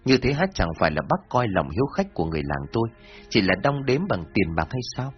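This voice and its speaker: A man voicing a humble, remorseful older village chief who speaks earnestly in a lowered husky voice, in a dull lo-fi recording with faint music behind. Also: very animated, fast talker. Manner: earnest, self-reproaching.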